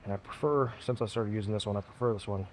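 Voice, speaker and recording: A man's voice: fairly low pitch, a little mellow, a little hiss or hum. Winded man talking between gym sets. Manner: talks between sets, halting with restarts. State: out of breath. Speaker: fitness vlogger. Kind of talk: casual gym vlog talk.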